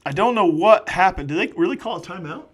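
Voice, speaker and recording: A man doing live play-by-play football commentary, excitable and jokey with rambling asides. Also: high-pitched, quick pace.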